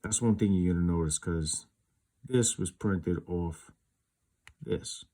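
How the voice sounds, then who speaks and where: A collector speaks slowly in a low, mellow voice while hosting his own video. He compares items casually and without a script, rambling through explanations sprinkled with "you know."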